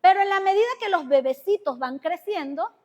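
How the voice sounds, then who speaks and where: Her very high voice is animated, brisk and warm, though the highs are cut off in the recording. She is a woman with a Venezuelan Spanish accent preaching a conversational sermon in a church hall, questioning her congregation, with long reverb from the hall.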